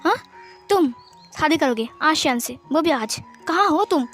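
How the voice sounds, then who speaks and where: A woman doing a shrill, scolding mother-in-law. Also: animated, moderate pace, soft background music. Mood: angry scolding. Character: angry protective middle-aged mother-in-law.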